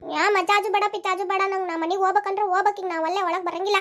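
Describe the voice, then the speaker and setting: A woman's voice: very high-pitched, fairly even intonation, fast talker, fairly bright tone. A woman voicing a stubborn, distressed woman patient in a cartoon, with a North Karnataka accent, pleading to go home. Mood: insistent. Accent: North Karnataka Kannada. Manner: insistent, pleading. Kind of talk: cartoon voice acting.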